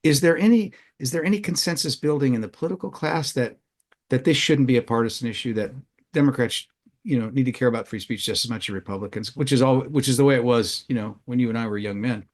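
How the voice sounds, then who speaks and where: A man's voice: mid-range voice, quick pace. An older man hosting a podcast interview, asking long, rambling questions full of restarts. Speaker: interviewer, show host.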